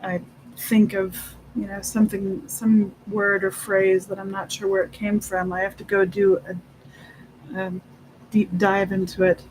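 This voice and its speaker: An unhurried speaker with a mid-pitched voice chats casually, switching between English and Spanish. The delivery is halting and often trails off mid-thought, with a little background noise. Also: flat delivery, low-quality recording. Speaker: livestream host of an inking session. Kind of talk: casual chat.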